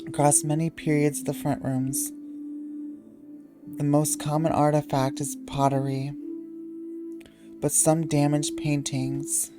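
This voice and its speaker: Very low, flat, sleepy woman reader. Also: over music. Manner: halting, stumbles and restarts words. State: sleepy, yawning. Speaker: channel host reading wiki entries. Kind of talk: unscripted reading aloud.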